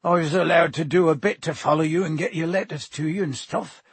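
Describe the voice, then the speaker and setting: A man voicing a gruff, friendly giant gamekeeper, hearty and proud, with husky, folksy, colloquial speech. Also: a little high, steady tone, brisk, no echo, voice pushed up. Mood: sheepish, confiding. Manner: folksy, colloquial, dropped words.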